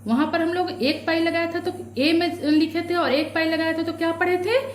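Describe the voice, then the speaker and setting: A woman's voice: extremely high pitch, fairly even intonation, moderate pace, roomy sound. A woman teaching young children from a workbook, patient, asking questions and answering them herself. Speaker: primary school teacher.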